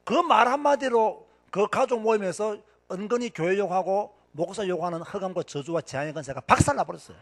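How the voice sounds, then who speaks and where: A fiery male Korean pastor with a husky, high-pitched voice delivers a brisk sermon to church officers with few pauses. He's emphatic, repeats lines for stress, asks the crowd questions, and describes himself as hot-tempered and impatient.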